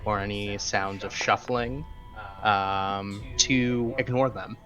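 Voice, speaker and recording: A man narrating as game master of a tabletop game over a voice call, hesitant with many filler pauses. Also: fairly low pitch, steady tone, a bit bright, faint music behind.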